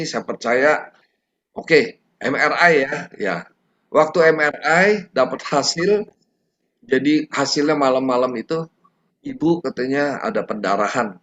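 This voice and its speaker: A middle-aged man giving a personal testimony at a prayer meeting, talking in a halting, conversational way with many fillers and restarts. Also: medium pitch, fairly bright tone. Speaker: testimony giver.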